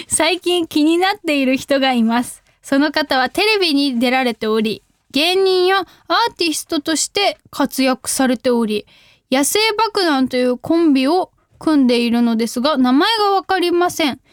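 A young woman hosting a radio show, reading listener letters in casual chat, bubbly and giggly, sometimes shouting catchphrases. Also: high voice, sing-song, moderate pace, no echo, clean studio sound.

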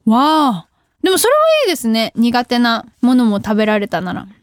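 A woman's voice: on the high side, sing-song, brisk, no echo, clean studio sound. A young woman hosting a radio show, reading listener mail in a giggly, self-deprecating way. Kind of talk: casual radio chat. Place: radio studio.

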